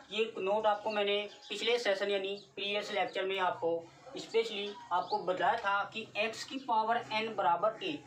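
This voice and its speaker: A woman teaching a class-nine math lesson, repeatedly asking her students questions. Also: medium pitch. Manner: repetitive, keeps questioning students. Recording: distant mic with faint noise.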